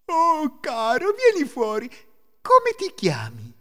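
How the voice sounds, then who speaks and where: A man voicing a peasant mother from a folk tale in a high, strained falsetto. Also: lively intonation, moderate pace, in a large hall. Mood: tender. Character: anxious peasant mother, middle-aged woman.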